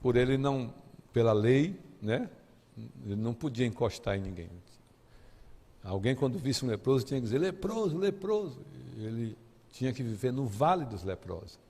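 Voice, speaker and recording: A man from Brazil preaching a sermon and telling his own story, impassioned and rising to near shouting at the peaks, with halting restarts and repeated words. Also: mid-range voice, big-room sound. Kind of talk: sermon with personal testimony. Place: church sanctuary.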